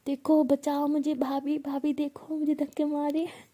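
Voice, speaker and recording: A woman voicing a nosy, teasing young woman who mocks her best friend loudly. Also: high voice, completely flat delivery, normal speed, close to an everyday voice. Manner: loud and mocking.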